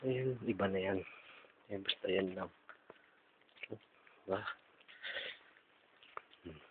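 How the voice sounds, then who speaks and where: Slow-talking man on a tinny recording. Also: deep voice. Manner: points things out with repeated "ayan", slow and unhurried. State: out of breath while climbing. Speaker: vlogger giving a walking tour of an estate. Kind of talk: casual walking tour narration. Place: outdoors on a hillside property. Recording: tinny lo-fi phone-like audio, loud noise.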